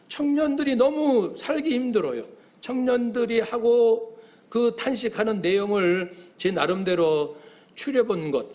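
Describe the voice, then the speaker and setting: A male pastor preaching with a high-pitched, very lively voice. He acts out the cries of young people and swings from loud exclamations to quiet asides. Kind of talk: sermon.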